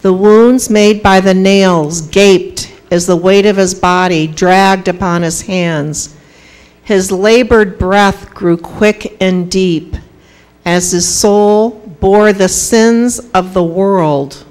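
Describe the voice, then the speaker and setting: Slow, solemn female narrator. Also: mid-range voice, fairly even intonation, darkish tone. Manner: solemn, deliberate. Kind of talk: scripted dramatic narration of a Bible story.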